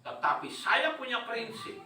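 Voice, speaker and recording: A man preaching a sermon to his congregation, animated and chuckling, often putting questions to them. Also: very high-pitched, a little slow, a little hiss or hum. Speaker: pastor. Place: church hall. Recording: roomy hall, voice from a distance.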